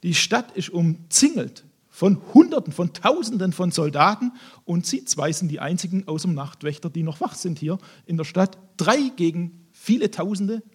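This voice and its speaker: A man preaching a sermon, telling a Bible story in an animated way and acting out the characters. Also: sits high, normal speed, husky.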